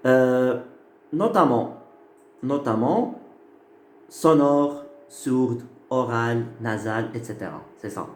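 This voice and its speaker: A man teaching a class, explaining slowly and patiently and repeating key words. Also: medium pitch, darkish tone. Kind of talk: phonetics lecture. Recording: echoey room with faint noise.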